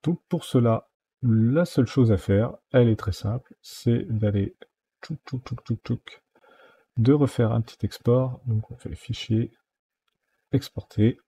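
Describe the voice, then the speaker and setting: A man narrates a software tutorial over his screen, moving through each step with frequent fillers. His voice is very dark and mellow, with a husky edge. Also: mid-range voice, unhurried. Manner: step-by-step, many fillers like "donc" and "euh".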